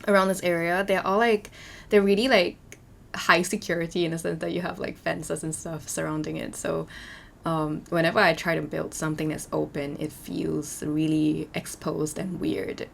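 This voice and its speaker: A young woman with a hoarse voice, chatting and rambling as a voiceover for her game building video, full of fillers and restarts. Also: on the low side, a little mellow, slight background noise. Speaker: Sims speed-build YouTuber.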